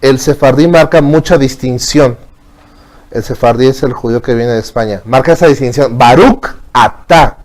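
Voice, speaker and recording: A man gives a religious lesson in a patient, explaining way. He keeps checking in with his listeners as he goes. His voice sits at an ordinary middle pitch for a man. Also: normal speed, darkish tone. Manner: explains patiently, asks "¿bien?" often. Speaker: teacher. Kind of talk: religious teaching.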